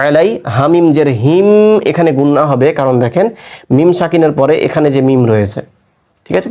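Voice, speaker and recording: A man's voice: fairly high pitch, a little mellow. Man teaching Quran recitation. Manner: asks the listener questions and answers them himself. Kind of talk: step-by-step recitation lesson.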